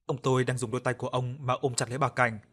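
A man narrates an audiobook horror story in a steady, measured way. His voice sits at an ordinary middle pitch.

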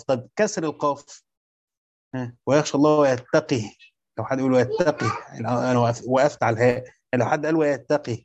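Man, Egyptian accent, slightly high voice, lecturing, asks questions as he explains, muffled lo-fi sound. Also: a little mellow. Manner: explains step by step, quizzing listeners with repeated questions. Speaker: Quran commentary teacher. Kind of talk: classroom lecture on Quran exegesis.

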